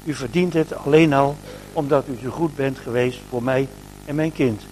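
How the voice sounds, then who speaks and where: A man's voice: mid-range voice, steady tone, moderate pace, a little mellow, slight background noise, close to an everyday voice. A man voicing a poor young mother in a storybook, speaking plainly and earnestly. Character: poor young mother, weary then grateful.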